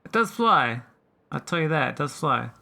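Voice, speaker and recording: A man chatting casually while streaming a game, rambling with many pauses and talking to his viewers. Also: fairly high pitch, sing-song, creaky, pushed and bright. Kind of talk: casual live-stream chat.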